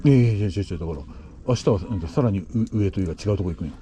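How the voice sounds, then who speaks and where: A man's voice: on the low side, racing, noisy background. A man vlogging in casual chat, muttering reactions and repeating short phrases. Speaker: travel vlogger.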